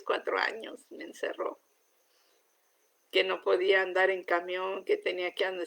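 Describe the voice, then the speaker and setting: Middle-aged woman, heartfelt testimony, slow and unhurried, drops soft, gravelly texture. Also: fairly low pitch. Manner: heartfelt, often sinking to a soft, near-whispered voice. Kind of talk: spoken religious testimony.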